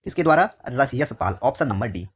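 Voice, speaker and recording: A man's voice: big pitch swings, slightly rough. Man repeating answers to pupils. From India. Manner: repeats each phrase slowly, keeps saying "dear children"; drops low on each answer word. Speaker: Hindi exam teacher. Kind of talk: exam question walkthrough lesson.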